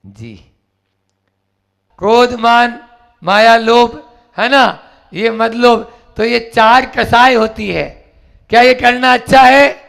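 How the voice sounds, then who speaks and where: A man's voice: extremely high pitch, slow, gravelly, pauses often. A man giving an emphatic sermon as a spiritual teacher, telling stories and stressing key words. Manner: animated, emphatic preaching with rising exclamations. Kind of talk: sermon with storytelling.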